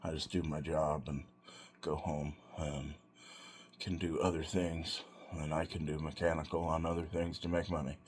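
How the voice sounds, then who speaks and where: A man talking casually and reflectively in a solo vlog, in short, halting phrases. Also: very deep voice, little pitch movement. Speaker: vlogger and self-employed car restorer.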